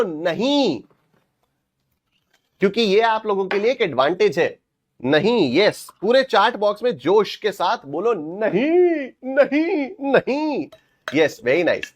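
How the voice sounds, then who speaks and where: A young man teaching a live online class, energetic and playful, teasing students and mixing in English phrases. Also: high voice, fairly quick. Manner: mixes Hindi and English.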